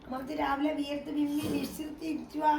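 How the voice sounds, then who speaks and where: A woman's voice: high voice, level tone, quick pace. An older woman, a grandmother, cooing in repetitive sing-song baby talk to a crying baby. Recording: distant echoey room with loud background noise.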